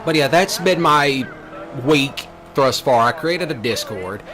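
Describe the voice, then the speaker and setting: Slow and medium-pitched, a Southern-accented man rambles casually over gameplay as a streamer. He's folksy and brash with rural slang, often repeats himself, and the noisy recording has steady vehicle sounds behind him.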